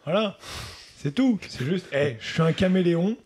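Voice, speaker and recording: A man's voice: high-pitched, animated, normal speed, a little mellow, husky. A man in his thirties from France, co-hosting a podcast in casual banter and laughing often. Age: 30s. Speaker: podcast co-host. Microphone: own microphone.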